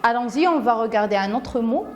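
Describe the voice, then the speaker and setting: A woman's voice: on the high side, expressive, brisk, slight background noise. A woman teacher gives a phonics lesson to young children. She says each word carefully, repeats it, and breaks it into syllables. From Morocco. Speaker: primary school teacher.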